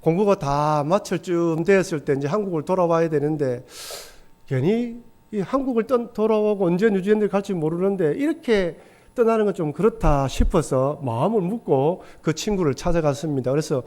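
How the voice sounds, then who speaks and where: A man's voice: high-pitched, lively intonation, fairly quick, warm tone. A middle-aged man, a pastor, preaching a sermon in a church with earnest storytelling. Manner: earnest storytelling, acts out quoted voices. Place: church sanctuary.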